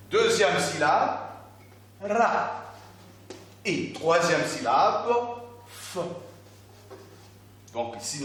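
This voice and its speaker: A man teaching a primary school reading lesson, speaking slowly and deliberately, stretching out syllables and repeating words for the class. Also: a little high, a bit bright, slight background noise. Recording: echoey room, voice from a distance.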